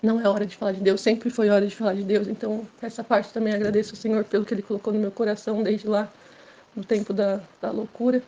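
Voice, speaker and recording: A woman's voice: level tone, quick pace, warm tone. A woman, giving an earnest, emotional personal testimony at church. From São Paulo state, Brazil. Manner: earnest, emotional, rising in pitch and force as story intensifies.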